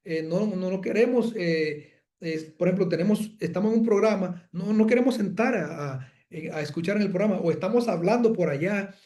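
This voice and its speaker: A man's voice: sits high, fairly quick, warm tone. A man, a pastor giving an earnest teaching talk on parenting, often repeating words as he works out his point. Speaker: pastor teaching a Bible course.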